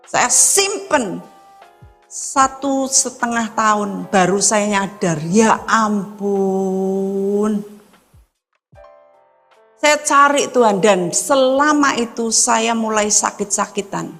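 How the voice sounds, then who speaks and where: A woman pastor preaching a sermon, telling a personal story with Javanese phrases, emphatic and swinging between loud stresses and hushed asides. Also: a little high, expressive, slow pace, gravelly, faint music behind.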